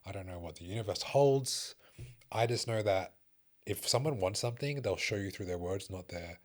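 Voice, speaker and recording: A man's voice: lowish voice, animated, moderate pace. A young adult man and fitness coach telling emotional personal stories in a casual conversation, swearing often. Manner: emotional storytelling with frequent swearing.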